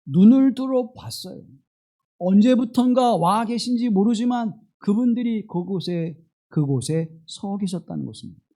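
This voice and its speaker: A man preaching a Sunday sermon in a church, slowing down for scripture and asking the congregation questions. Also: sits high, animated. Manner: slow, dramatic scripture reading with wide swings in loudness; asks the congregation rhetorical questions. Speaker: pastor.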